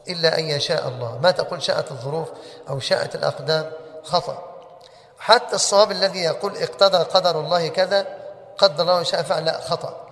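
A man's voice: a little high, fairly bright tone. A man teaching a religious lesson, who keeps asking his listeners rhetorical questions. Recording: long hall reverb.

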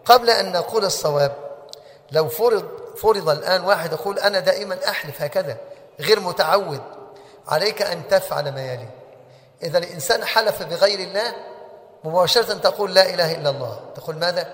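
A man's voice: high voice, fast talker, a bit bright. A man teaching a religious lesson, who keeps asking his listeners rhetorical questions. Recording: long hall reverb.

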